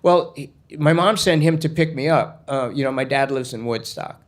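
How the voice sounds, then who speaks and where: A man's voice: mid-range voice, normal speed, natural voice. A man voicing a chatty, innocent young boy who rambles eagerly. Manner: eager, rambling, wide-eyed.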